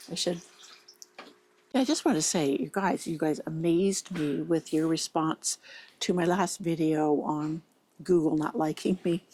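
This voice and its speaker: A gardening vlogger with a fairly low, slightly mellow voice chats casually to her viewers, thinking aloud and addressing them directly. Her braces slur her S sounds into a lisp, and she rambles, sometimes reading plant details aloud.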